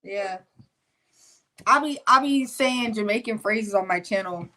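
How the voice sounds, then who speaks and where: A woman's voice: medium pitch, unhurried, bright, forceful tone. A woman co-hosting a casual livestream, easygoing and teasing, laughing often.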